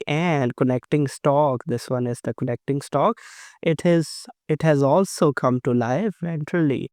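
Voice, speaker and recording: A man's voice: on the high side, a little mellow, smooth, no echo, clean studio sound. A man giving an explanatory narrated lecture in a didactic way, repeating points and checking understanding, while down with flu and a sore throat. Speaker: anatomy lecturer. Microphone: voice-over for animated lecture.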